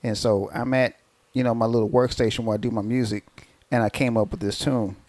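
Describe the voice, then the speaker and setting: A man with a Southern American accent and a mid-pitched voice chats casually as a podcast co-host. His talk is blunt and slangy, in a plain country-boy way. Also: steady tone, brisk, a little mellow, dry recording. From southern United States. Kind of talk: casual chat.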